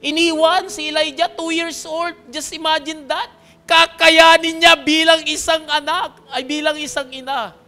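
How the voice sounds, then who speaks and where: A man preaching as pastor, telling a personal testimony to his congregation in an earnest manner that swings between hushed and loud, pleading passages. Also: extremely high pitch, level tone, a little slow, faint music behind. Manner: earnest, often checks in with the congregation.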